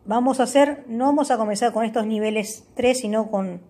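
Husky-voiced woman explaining an app. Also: fairly high pitch, a little fast, dark tone. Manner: explanatory, often checks in with "¿ok?"; reads English words aloud for the viewer. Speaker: tutorial host. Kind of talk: app walkthrough tutorial.

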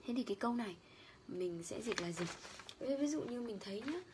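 A woman from Vietnam, an English lecturer, teaching a vocabulary lesson. She explains word stress and meanings, and reads English quotes out slowly. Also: a little high, expressive, noisy background.

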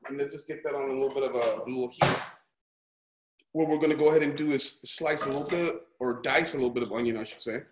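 In an echoey room with background noise, a man with a medium-pitched voice talks quickly while running a casual cooking class. He's upbeat, encouraging and chatty, checking in often with "right?" and "okay?" as he demonstrates.

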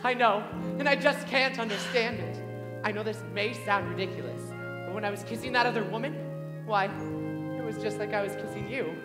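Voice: mid-range voice, moderate pace, over loud music, lightly acted. A performer playing an earnest, lovestruck young groom who pleads on a live stage. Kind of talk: live stage musical acting. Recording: reverberant theatre hall.

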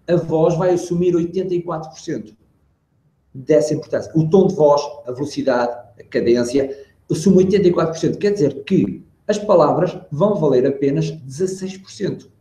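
Man with a European Portuguese accent explaining on a video call. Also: a little high. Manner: animated, demonstrates tones and pauses. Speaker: body language expert guest. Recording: roomy video call audio.

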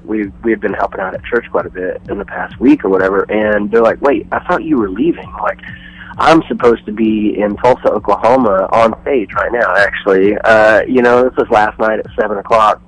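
Male musician phoning in to a radio show, deeper voice, dry phone sound, loose rambling storyteller. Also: fairly quick, no echo, muffled recording. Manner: rambling storyteller acting out quoted people. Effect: over the phone. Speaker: touring musician guest. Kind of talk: casual radio phone interview.

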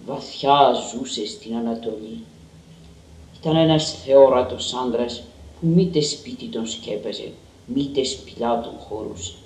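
A man's voice: mid-range voice, a little mellow, a little hiss or hum. Man reading a story, distant and roomy. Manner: measured, dramatic storytelling. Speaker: reader. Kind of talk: literary reading.

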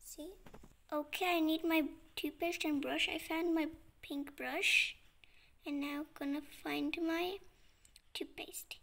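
A woman chatting casually as a vlogger, talking in a sleepy way and often dropping to a hushed near-whisper. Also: high voice, fairly even intonation, vocal fry. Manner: slow and sleepy. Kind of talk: casual vlog narration.

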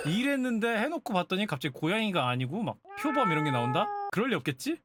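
A woman's voice: mid-range voice, heavy background noise. A woman streamer chatting casually and playfully, exclaiming and guessing aloud. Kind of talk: casual live-stream chat.

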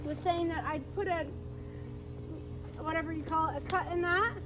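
A woman's voice: very high voice, fairly even intonation, moderate pace, music in the background. A middle-aged woman vlogging in her backyard garden, chatting upbeat as she explains each step to the camera. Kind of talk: casual how-to demonstration.

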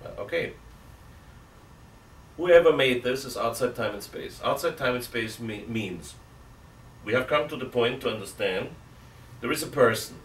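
Reasoning aloud with emphatic rhetorical questions, a middle-aged priest gives a seated catechism talk and gestures with both hands. He has a medium-pitched voice with lively intonation, speaking at normal speed and pausing often. The room has an armchair, and the distant mic yields roomy audio with faint hiss.

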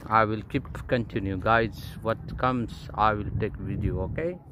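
This middle-aged vlogger's voice is on the low side and measured in pace as he chats to viewers while fishing from a small boat at sea. He addresses them as "guys" and keeps his phrasing simple. Filmed on a phone at arm's length, the clip has background noise including boat and water sounds.

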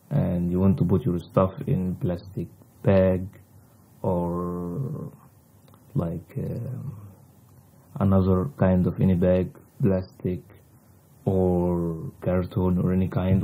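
A man whose native language is Arabic, teaching a language lesson in deliberate, halting short phrases on a slightly dull recording. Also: low-pitched, steady tone, breathy edge. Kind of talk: slow instructional language lesson.

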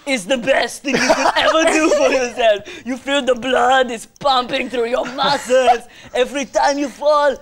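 A woman's voice: sits high, moderate pace, hardly any pauses, a little hiss or hum, lightly acted. A young woman putting on a muscle-bound action-star accent and laughing through it. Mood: giggly.

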